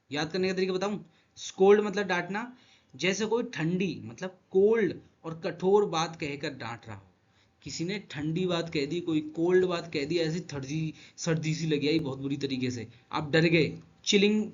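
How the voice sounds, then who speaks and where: A male teacher explains vocabulary in an online lesson, with a fairly high voice. He keeps asking his own questions and answering them, swinging up and down in pitch and loudness. The recording sounds muffled and lo-fi. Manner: animated, jumps in pitch and loudness. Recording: dull lo-fi sound.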